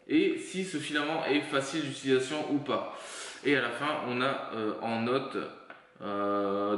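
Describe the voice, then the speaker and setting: A man's voice: medium pitch, a bit bright. A man casually reviewing products on camera, thinking aloud with many fillers. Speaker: 3D printing YouTuber. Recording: very echoey room, faint noise.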